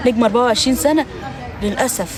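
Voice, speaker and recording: Rapid-fire young woman streaming outdoors. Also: on the high side. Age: 20s. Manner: playful, dramatic mock laments. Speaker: live-stream host. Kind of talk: casual live-stream chat. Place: outdoors in a garden with people and traffic around. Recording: outdoor recording with crowd chatter.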